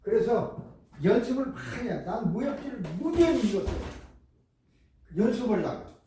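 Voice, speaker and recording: An older man, a professor giving a lecture, talking in an animated, emphatic way and repeating his key words. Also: very high-pitched, moderate pace, background noise. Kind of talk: lecture on speed reading. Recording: echoey room, voice from far off.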